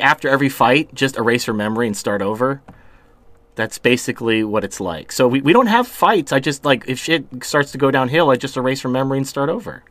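A man's voice: mid-range voice, a bit bright, no room sound. A man hosting a podcast, talking in blunt, crude and opinionated casual banter. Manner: blunt, crude, opinionated, laughs at his own jokes. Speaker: show host.

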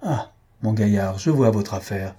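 A man's voice: lowish voice, animated, measured pace, dark tone, slightly rough. A man voicing a mocking, teasing man in a storybook reading, with ironic, overly grand politeness. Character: mocking, teasing middle-aged man at the lodge.

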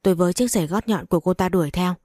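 A woman's voice: lowish voice, very fast, darkish tone, no echo, studio quality. A woman narrating a dramatic first-person story.

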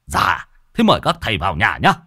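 A man's voice: sits low, wildly swooping pitch, fairly quick, pushed and bright, slightly rough, no echo, clean studio sound, full character voice. A man voicing a cheerful older village elder who talks effusively and chuckles. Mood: jovial.

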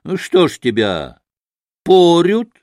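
A good-natured middle-aged peasant chats in an audiobook, as the male narrator puts him on. He speaks in a slow, folksy way, his voice lifted a little above the reader's own. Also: fairly high pitch, big pitch swings, a little mellow, no room sound, clean studio sound, voice pushed up, heavily acted.

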